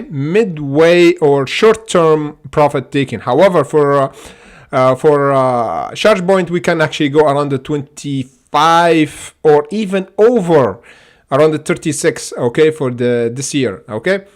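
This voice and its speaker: A man with a slightly high voice, whose first language is Arabic, hosts a stock trading livestream. He's excitable as he comments casually on charts, full of fillers and a repeated "okay?"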